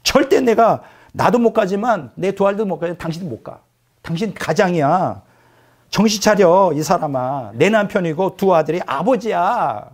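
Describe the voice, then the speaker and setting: A man's voice: normal speed, gravelly, hardly any pauses, a little mellow, slightly rough, heavily acted. A male preacher voicing an exasperated wife who scolds her husband in disbelief. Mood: pleading. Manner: scolding, incredulous, shrill. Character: exasperated shouting wife, middle-aged woman. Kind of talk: acted quote in a sermon.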